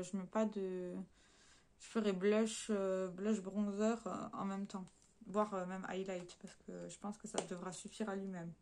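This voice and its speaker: A woman's voice: medium pitch, a little mellow. Chatty woman vlogger. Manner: chatty, hesitant with frequent fillers and self-corrections; addresses viewers directly while showing swatches. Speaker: beauty vlogger. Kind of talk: casual product haul.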